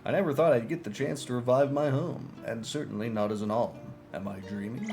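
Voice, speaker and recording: A man voicing an earnest male catfolk warrior in a put-on rural country drawl, reading the lines slowly and solemnly. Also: medium pitch, a little mellow, soft background music, natural voice.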